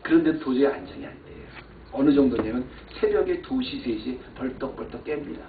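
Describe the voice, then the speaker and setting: Pastor guy preaching in a church, goes quiet then loud, echoey room, kinda tinny and far off. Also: medium pitch, fairly quick, slight background noise. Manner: animated, swings from quiet to loud exclamations. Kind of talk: sermon with personal testimony. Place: church sanctuary. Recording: echoey church hall, far mic, phone-like band.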